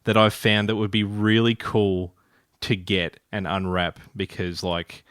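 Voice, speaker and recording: A man's voice: on the low side, little pitch movement, measured pace, a bit bright, dry recording, clean studio sound. A man from Ireland, hosting a podcast in a playful, rambling casual chat. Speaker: podcast host.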